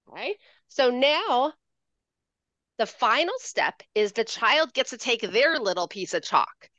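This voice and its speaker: Woman educator, bright high voice that swoops a lot, playful sing-song teacher delivery, dry slightly dull video-call sound. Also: no echo. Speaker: educator demonstrating handwriting. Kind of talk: lively teaching demonstration over video call.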